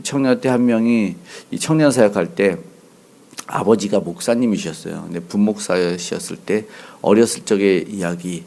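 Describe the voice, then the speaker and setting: A man's voice: moderate pace, creaky, darkish tone. A man preaching an expository dawn sermon as pastor, earnest, his voice rising when he voices the cries of the afflicted. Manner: earnest, rises in pitch when voicing Job's cries.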